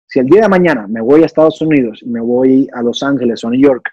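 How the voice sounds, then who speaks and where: A young man from Cuba speaks in a casual interview. His voice is dark and husky, and he explains his ideas thoughtfully, with many restarts. The sound is dry and a little dull. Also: mid-range voice, fast talker, dry recording. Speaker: actor and singer, interview guest.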